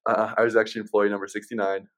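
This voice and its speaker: Male sales rep guest, fairly low voice, conversational and easygoing, explains like a practiced seller. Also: little pitch movement, rapid-fire. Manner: easygoing, salesman-like explaining, says man and right often. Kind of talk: casual chat.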